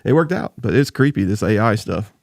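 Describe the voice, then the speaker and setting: A man's voice: fairly low pitch, animated, a little fast, creaky, a little mellow, no echo, clean studio sound. A man hosting a podcast, chatting casually and rambling, often laughing. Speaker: podcast host. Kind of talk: casual chat. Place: home. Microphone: desk microphone.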